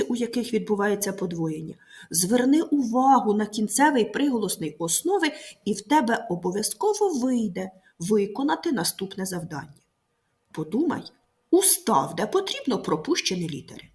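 A woman teacher gives a recorded grammar lesson to pupils in a mid-range, darkish voice. She speaks clearly and slowly, stressing each word.

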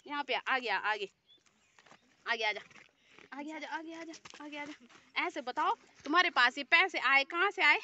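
A woman's voice: high-pitched, a little slow, pauses often, bright, forceful tone, dull audio, a little hiss or hum. A woman vlogger chatting with children outdoors, teasing and scolding them in a friendly way. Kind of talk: casual chat. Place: outdoors in a hill village.

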